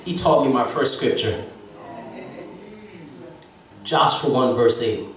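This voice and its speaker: With a slow pace and a mid-range voice, a Haitian-accented man in his thirties preaches as a guest, pressing his sermon with rising emphasis. A crowd is audible behind him as the congregation responds in the mid-size church sanctuary. Recorded via handheld mic and far camera, it sounds echoey and distant.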